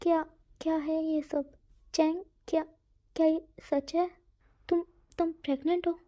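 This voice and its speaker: A woman voicing a young man, a quick-tempered but caring partner who stammers and repeats his words. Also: high voice, flat delivery, mellow. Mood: panicked.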